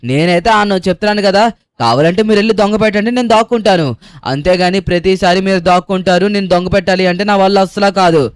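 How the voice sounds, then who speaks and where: A man hosting a playful game role-play, chatty and animated, sometimes calling out. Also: high voice, fast talker, clear, resonant tone, dry recording, clean studio sound. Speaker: gaming channel host.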